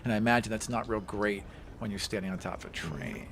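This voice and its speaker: A man's voice: fairly low pitch, expressive, fast, vocal fry, fairly bright tone. Joking man with faint noise behind him. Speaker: player on a charity game stream. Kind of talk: casual chat while playing a tabletop game.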